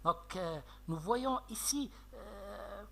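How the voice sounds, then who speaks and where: A man teaching a French literature lesson with a Moroccan French accent, explaining slowly with many fillers and checks of "d'accord?". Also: high voice, expressive, vocal fry, bright, forceful tone. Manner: slow, explanatory, frequent "euh" and "d'accord?". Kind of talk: classroom lecture on poetry analysis.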